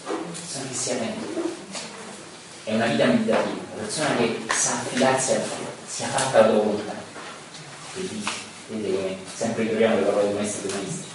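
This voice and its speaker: Guy giving a lit lecture, reads verses real slow and dramatic, very echoey room, mic far off. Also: fairly low pitch, steady tone. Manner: enthusiastic, rhetorical asides, reads verses slowly and emphatically. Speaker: lecturer on Dante. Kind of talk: live lecture with readings. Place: lecture room, recorded from afar. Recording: very echoey room, distant mic, faint hiss.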